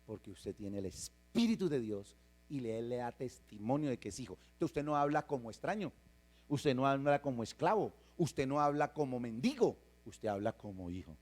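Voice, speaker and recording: A man's voice: mid-range voice, very animated, moderate pace, darkish tone. A male pastor, delivering an emphatic sermon in a church and putting rhetorical questions to the congregation. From Colombia.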